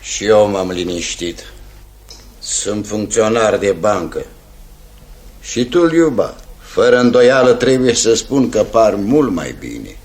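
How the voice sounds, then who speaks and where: A resigned aging gentleman in a radio drama, speaking in a low voice with lively pitch. His manner is mild and quiet. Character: Gaev, a mild aging gentleman bank clerk.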